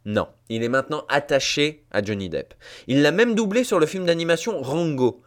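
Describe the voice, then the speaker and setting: A man's voice: fairly high pitch, expressive, moderate pace. A man hosting a scripted commentary, talking emphatically and addressing listeners directly. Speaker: host.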